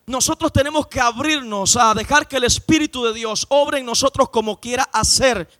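A man preaching a sermon as pastor at a church service, impassioned, often shouting and sing-song. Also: very high-pitched, moderate pace.

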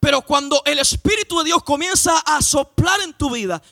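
A man preaching a sermon as pastor at a church service, impassioned, often shouting and sing-song. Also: extremely high pitch, expressive, normal speed, gravelly, faint music behind.

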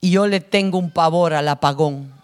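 A woman's voice: low-pitched, normal speed, clear, resonant tone, close to an everyday voice. A woman voicing a huge, tearful male prison gang boss who pleads for prayer. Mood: tearful pleading. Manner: pleading, frightened.

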